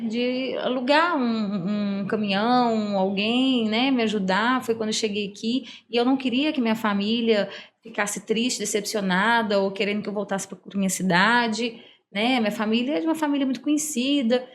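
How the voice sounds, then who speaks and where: A woman's voice: on the high side, a little hiss or hum. A middle-aged woman, a psychologist telling her life story in an interview, heartfelt and earnest. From Brazil, Minas Gerais. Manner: earnest, heartfelt, acts out quoted dialogue. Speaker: guest psychologist. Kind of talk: personal storytelling in a podcast interview.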